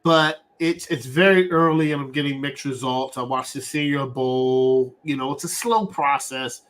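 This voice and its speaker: Eager bright-voiced male sports fan host. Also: mid-range voice. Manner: excited, talks fast with many restarts. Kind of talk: live sports fan talk show.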